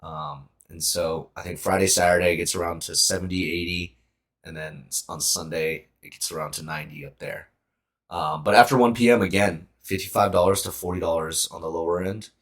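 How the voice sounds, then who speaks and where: Young male podcast host with a very low voice, easygoing and a little halting. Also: vocal fry. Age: young adult. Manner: relaxed, slightly halting with many ums. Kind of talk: casual podcast chat.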